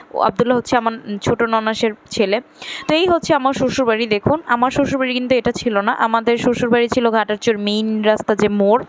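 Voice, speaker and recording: A woman's voice: on the high side, clear, resonant tone. A young woman from Bangladesh, a mother, narrating her family vlog in a chatty, step-by-step way with many fillers. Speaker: vlogger, mother of young children. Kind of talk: casual vlog voice-over narration.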